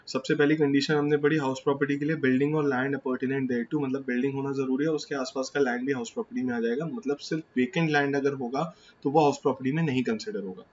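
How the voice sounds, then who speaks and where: A man's voice: mid-range voice, fairly even intonation, fast, few pauses. A man with an Indian accent teaching a tax class, mixing Hindi and English and asking and answering his own questions. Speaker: tax lecturer. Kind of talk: classroom lecture. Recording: slightly dull lo-fi sound with faint background noise.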